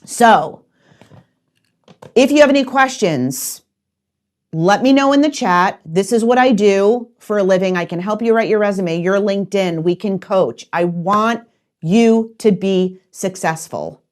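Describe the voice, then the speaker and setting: A woman's voice: medium pitch, measured pace. A woman in her forties hosting a solo career-advice podcast, speaking directly and coaching her listeners with repeated instructions.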